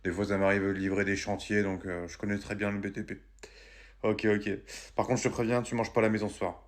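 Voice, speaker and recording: A man's voice: lowish voice, a little fast, slight background noise. Man acting out French comedy sketches. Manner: switches between parent and child roles, excitable. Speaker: sketch comedian playing family members.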